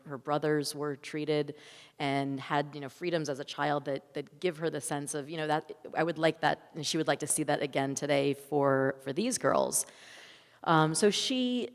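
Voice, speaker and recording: A woman film director answers audience questions at a festival Q&A, telling stories informally and conversationally. Her voice sits low, with a clear, resonant tone. The event is in a large hall, and the recording carries long, echoing reverb.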